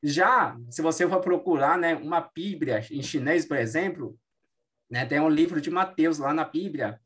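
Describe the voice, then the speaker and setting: In an explanatory classroom style, this patient man teaches Mandarin, his first language, often tagging sentences with "né" and correcting himself. He speaks at a normal speed in a voice on the high side, a bit bright.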